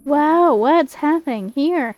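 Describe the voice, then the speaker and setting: A woman with a high voice comments casually on the game she is playing. Music runs behind her relaxed, chatty playthrough remarks. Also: takes it slowly. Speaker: video game player and commentator.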